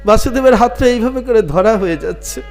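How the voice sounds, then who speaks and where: High-voiced storyteller man. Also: fast talker, a little mellow, faint music behind. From West Bengal, India. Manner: dramatic, emotive, asks the listeners questions. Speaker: devotional storyteller. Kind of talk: devotional story recitation.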